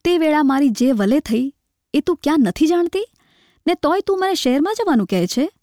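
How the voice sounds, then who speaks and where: A woman reading a story aloud, voicing a poor, starving village man who is proud, bitter and quick to lash out in scornful outbursts. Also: high voice, lively intonation, mellow, no echo, studio quality.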